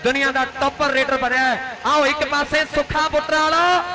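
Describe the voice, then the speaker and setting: A man with a Punjabi accent announcing a village kabaddi match in frantic rural sports commentary, excited and rhythmic, repeating his phrases. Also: extremely high pitch, moderate pace. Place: outdoor village kabaddi tournament.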